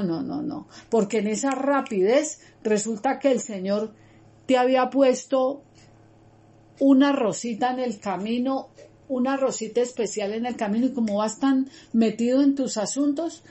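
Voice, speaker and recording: A woman's voice: fairly high pitch, mellow. A woman teaching a Bible study in an earnest, conversational way, repeating her words and speaking straight to her listeners. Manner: earnest, repetitive, addresses listeners directly.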